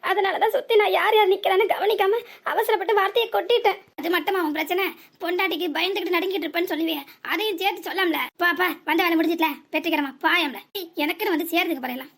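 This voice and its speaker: A woman's voice: extremely high pitch, quick pace. A woman voicing a pleading young husband. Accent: southern Tamil. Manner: pleading, soothing. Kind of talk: cartoon voice acting.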